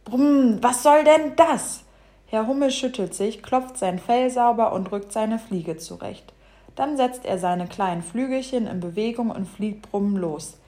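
A woman reads a children's animal story aloud. Her narration is lively and expressive, at an even middle pitch. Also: normal speed.

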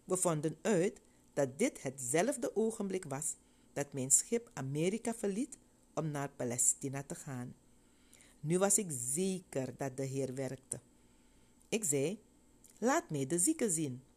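A woman's voice: sits low, expressive, unhurried, warm tone. A woman reading a first-person testimony story aloud, expressively voicing the characters.

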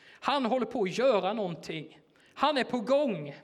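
A man's voice: high-pitched, expressive. A man preaching in a church, telling a personal story in a casual, hesitant way with many fillers. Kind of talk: sermon told as a personal story.

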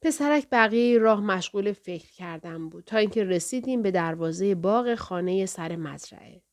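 A woman narrating an audiobook in a calm, even storytelling manner. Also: medium pitch.

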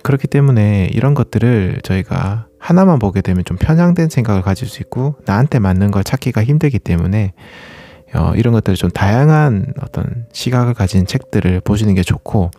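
A man's voice: on the low side, animated, fairly quick, warm tone. A man hosting a running talk, speaking casually and politely as he explains things to listeners and puts questions to them. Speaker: running channel host.

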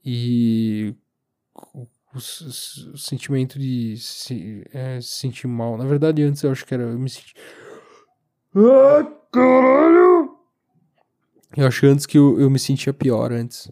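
A sleepy young man with a southern Brazilian accent talks casually by himself as a podcast host, in an informal, halting, meandering way. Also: medium pitch, steady tone, dark tone. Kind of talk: casual solo monologue, rambling. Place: recorded lying down, alone.

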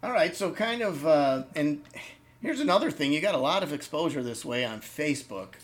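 A man's voice: a little high, animated, moderate pace. A man hosting a podcast, talking loosely and casually with the occasional swear word. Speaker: podcast host. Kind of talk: casual interview chat.

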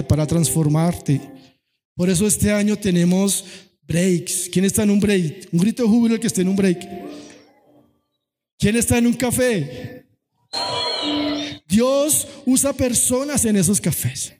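A man's voice: sits high, a little slow, pauses often. Impassioned preaching man in a reverberant hall. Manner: impassioned preaching, swinging from soft to shouted, some sung phrasing. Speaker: pastor. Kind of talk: sermon. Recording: long hall reverb with faint music.

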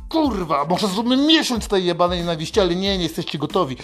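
High-voiced man in a profane comic rant. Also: lively intonation, fast talker, fairly bright tone, faint music behind. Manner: aggressive, swearing constantly, mock motivational. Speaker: satirical anti-coach host. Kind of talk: profane satirical rant to listeners.

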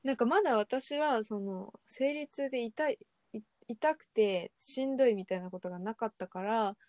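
A young woman in relaxed podcast chat, speaking candidly and haltingly, often pausing on fillers. Her voice is mellow and on the dark side. It sits dry and close to the mic. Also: fairly high pitch, no echo. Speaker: podcast co-host. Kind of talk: casual chat.

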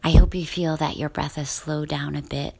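A woman guiding a sleep meditation in a soft, slow, soothing whisper. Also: low voice, steady tone, creaky, slightly rough. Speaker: guided relaxation host.

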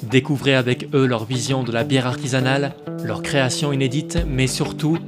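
Podcast host: man, mid pitch, clear announcing delivery, faint music underneath. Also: steady tone, normal speed. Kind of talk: scripted podcast intro and interview.

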